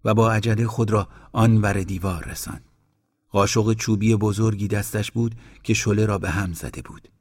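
A man narrating a story in a steady, measured reading. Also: fairly low pitch.

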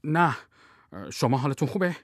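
A woman voicing an excitable male army captain who gives a tense, halting running commentary in an audiobook. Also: fairly high pitch, dry recording, clean studio sound, lightly acted. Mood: subdued. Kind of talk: audiobook role reading.

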